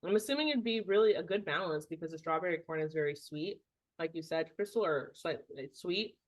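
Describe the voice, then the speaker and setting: A woman's voice: low-pitched, brisk. A woman with a New Jersey accent co-hosting a casual online gathering, chatting and thinking aloud over a video call. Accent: New Jersey, Northeastern US. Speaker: gathering co-host.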